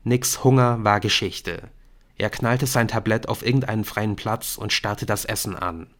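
A man reading a novel aloud in steady, scripted narration. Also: on the low side, unhurried. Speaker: audiobook narrator.

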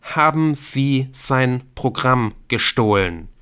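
A man voicing a calm, determined young man who speaks quietly, slowly and firmly. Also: mid-range voice, clear, resonant tone, pitched above the performer's own voice. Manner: quiet, slow and firm.

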